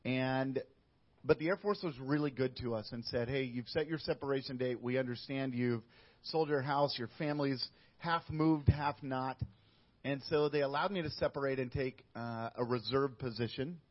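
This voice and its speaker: A middle-aged missionary guest recounts his story in a casual interview, speaking steadily at medium pitch with frequent pauses, many "uh" fillers and restarts. The audio is dull and lo-fi.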